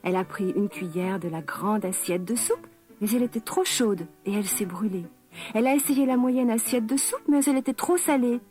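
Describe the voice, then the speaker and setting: A woman narrating a children's fairy tale in a gentle, expressive way. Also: fairly high pitch, a little fast, soft background music. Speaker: storyteller.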